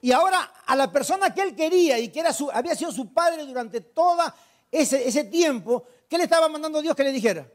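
Male pastor with a high voice, preaching emphatically and quizzing the congregation. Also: a little fast. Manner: asks the congregation questions and answers them himself; retells scripture with emphatic, animated delivery. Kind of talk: sermon.

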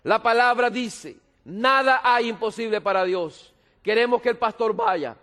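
Earnest young praying man as voiced by a preacher, slow, simple, high voice, reverb. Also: pushed and bright, full character voice. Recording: long reverb in a hall.

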